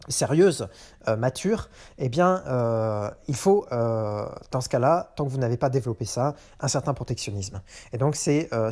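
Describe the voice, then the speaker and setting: This podcast host, a man with a mid-range, darkish voice, rambles through economics without a script from inside a car. He hesitates a lot, using many fillers and restarting his sentences.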